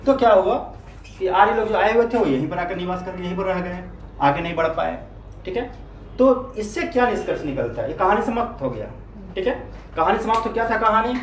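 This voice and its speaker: A man's voice: sits high, expressive. A man teaching a history class, repeating key terms and often checking whether his students follow. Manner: keeps checking understanding with quick questions. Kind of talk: classroom lecture. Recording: echoey room, mic at a distance, faint noise.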